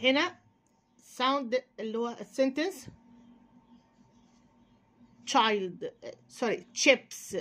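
An Egyptian woman teaching young children English, drilling sounds slowly and checking in with "okay". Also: high-pitched, fairly bright tone. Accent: Egyptian Arabic. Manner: drills letter sounds slowly, often says sorry and okay.

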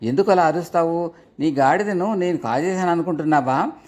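A man's voice: a little high, a little fast, a little mellow, natural voice. A man voicing a cunning old woman swindler who talks sweetly and plays innocent, in a storybook reading. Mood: wheedling. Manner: feigned innocence, wheedling.

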